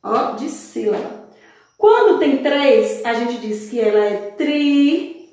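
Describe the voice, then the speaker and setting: A woman teacher talks to young children in a slow, patient way, her fairly high voice rising and falling in a lively sing-song. She asks questions and answers them herself, stretching syllables apart one by one. The room around her rings with a strong, hollow echo. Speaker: primary school teacher. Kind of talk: recorded lesson for young children. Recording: very echoey room.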